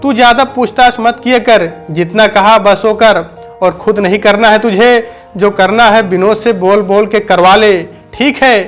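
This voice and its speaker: A man's voice: sits high, measured pace, fairly bright tone, faint music behind. A man voicing a stubborn, bossy village mother-in-law in a storybook reading, curt and commanding.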